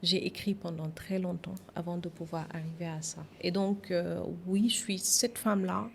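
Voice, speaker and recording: A woman from Senegal, a guest on a podcast interview, speaking in a reflective, measured way with some hesitations. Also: on the low side, fairly even intonation, vocal fry, darkish tone, a little hiss or hum.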